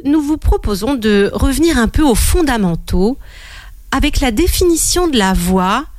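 A woman hosting a radio show, presenting it in a bright announcing manner with lively rises in pitch. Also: moderate pace, no echo, studio quality. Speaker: radio host. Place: radio studio.

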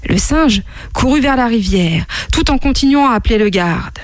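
A woman hosting a radio show, reading a fable aloud in a lively, expressive way. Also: a little high, moderate pace, no echo. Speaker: radio host and storyteller. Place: radio studio.

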